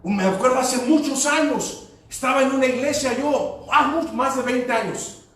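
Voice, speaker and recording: Preacher, man, high voice, storytelling sermon, distant mic in a booming church hall. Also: normal speed, a bit bright. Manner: storytelling, switching into English phrases. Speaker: pastor. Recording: echoey hall, voice from far off.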